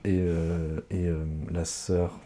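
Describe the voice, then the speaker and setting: A man's voice: low-pitched, little pitch movement, extremely slow, warm tone. A man in his thirties chatting casually as a co-host, playful and teasing, laughing often. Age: 30s. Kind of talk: casual chat.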